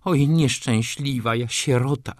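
A man's voice: medium pitch, unhurried, a little mellow, no room sound, clean studio sound, pitched above the performer's own voice, close to an everyday voice. A man voicing a fretful, tearful elderly aunt who wails and pities herself in an audiobook reading. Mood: lamenting. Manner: wailing, self-pitying.

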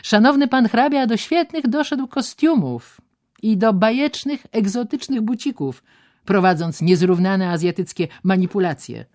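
A woman's voice: medium pitch, expressive, measured pace, a little mellow, pitched above the performer's own voice, lightly acted. Fierce trapped young woman voiced by a woman reader, scornful and defiant, storybook.

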